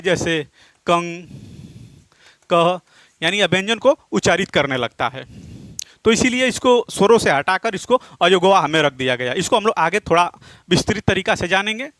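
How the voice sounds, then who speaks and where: A man's voice: expressive, a bit bright, no room sound. A male teacher giving a grammar lesson. He asks his own questions, answers them and repeats the key points. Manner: drops low and slows down on answers, counts aloud.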